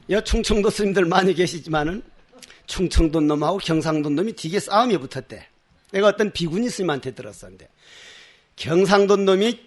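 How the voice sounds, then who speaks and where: An older man, a Buddhist monk giving a dharma talk with passion and emphasis, acting out the people he quotes. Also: sits high. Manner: impassioned, emphatic; acts out quoted voices, laughs at his own stories.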